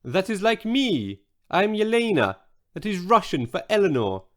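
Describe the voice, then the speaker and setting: A man's voice: high-pitched, sing-song, moderate pace, pitched above the performer's own voice. A man voicing a young girl who puts on a phony Russian accent to pose as a rich heiress in a storybook. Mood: playacting. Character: schoolgirl faking a Russian heiress.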